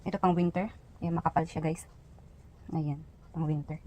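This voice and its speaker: A woman's voice: sits low, fairly even intonation, normal speed, darkish tone, slight background noise, poor audio. A woman from the Philippines, a vlogger chatting casually as she shows off items one by one, with lots of fillers. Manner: chatty, points out each item with frequent fillers. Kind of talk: casual show-and-tell vlog.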